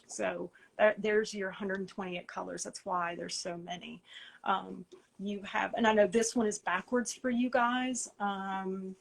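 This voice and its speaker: A woman with an Appalachian accent giving an informal video lecture in a halting, conversational, self-deprecating way. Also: medium pitch, steady tone, vocal fry. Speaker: presenter explaining esoteric tarot.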